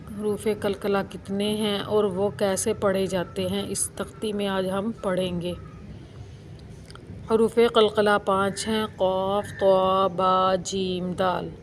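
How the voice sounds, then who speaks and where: A woman's voice: medium pitch, a little hiss or hum. A woman teaching Quran recitation rules in a patient, step-by-step lesson, drawing out each sound. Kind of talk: slow step-by-step tajweed lesson.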